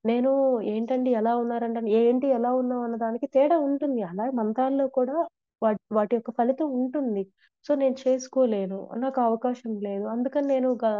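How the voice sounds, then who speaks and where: A woman's voice: on the high side, no room sound. Woman devotee, earnest testimony, dry close sound, slightly dull. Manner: earnest, devout, with frequent restarts. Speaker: devotee sharing experiences. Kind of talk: conversational testimony.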